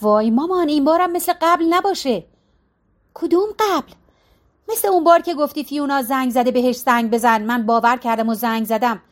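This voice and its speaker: Audiobook: female narrator doing exasperated adult daughter, animated complaints, high voice. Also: lightly acted. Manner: exasperated, lively.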